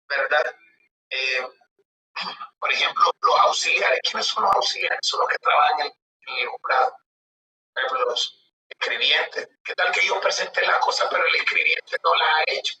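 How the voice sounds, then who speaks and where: High-pitched male lecturer in an echoey room. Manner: conversational, poses rhetorical questions with tag questions. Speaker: law lecturer. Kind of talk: lecture reading and explaining legal articles. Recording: roomy, distant mic with background noise.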